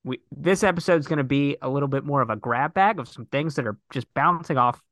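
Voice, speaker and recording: A man's voice: medium pitch, brisk, fairly bright tone, no room sound. A man hosting a sports podcast, chatting casually in an upbeat way with frequent fillers. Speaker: podcast host.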